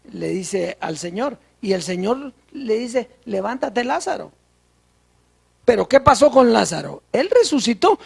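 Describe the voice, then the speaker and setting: Slow, gravelly-voiced preacher. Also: mid-range voice, darkish tone. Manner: slow, deliberate teaching with rhetorical questions. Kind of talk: sermon.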